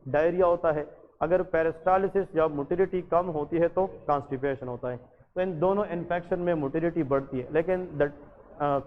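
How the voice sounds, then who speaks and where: A man's voice: fairly high pitch, slight background noise. Male medical lecturer, tinny echoing audio. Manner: asks the class questions and answers them himself; mixes English terms into Hindustani speech. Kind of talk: exam-focused lecture. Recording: tinny, phone-like audio with a long reverb.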